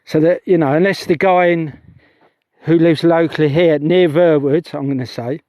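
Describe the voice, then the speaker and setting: On a heath outdoors, a middle-aged man who vlogs about UFO investigations livestreams in a somewhat high, slightly mellow voice. His tone is steady and his pace moderate, yet his chat wanders and he keeps interrupting himself to restart. There's no echo.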